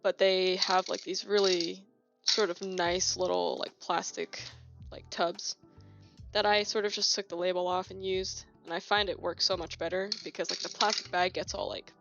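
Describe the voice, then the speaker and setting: A young woman with a somewhat low, creaky voice talks at a moderate pace on a casual stream from her home desk, fiddling with keyboard switches. Relaxed and rambling, she's a bit sniffly and uses many fillers and restarts. She records on a phone in a holder, so the sound is slightly dull and lo-fi, with faint music and keyboard clicks.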